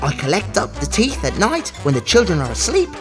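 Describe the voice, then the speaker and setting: An overbright kids' party host of a magical mouse, boastful and gleeful. The pitch swoops wildly in a storybook style, with music behind it. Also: female voice, wildly swooping pitch, brisk. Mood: cheerful. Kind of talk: children's storytelling for a listening exercise.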